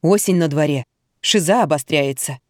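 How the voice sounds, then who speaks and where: A woman's voice: sits low, normal speed, no echo, clean studio sound, voice pushed down, natural voice. A woman voicing a wary middle-aged woman who answers curtly and dismissively.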